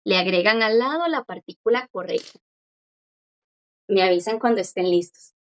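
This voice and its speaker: A woman teaching a language class online, patiently explaining and slowly repeating words for her students. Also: medium pitch, animated, dull audio.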